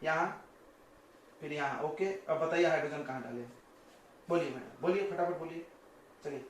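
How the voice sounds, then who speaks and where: A male coaching-class teacher giving a chatty chemistry lesson, joking with his students and firing quick questions at them. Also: a little high, slight background noise. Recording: very echoey classroom, distant mic.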